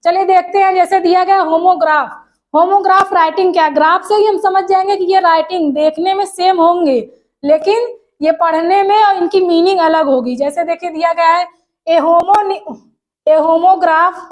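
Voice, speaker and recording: A woman teacher explaining an exam-prep lesson step by step, repeating key terms and asking rhetorical questions, and reading definitions aloud slowly. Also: very high-pitched, fairly even intonation.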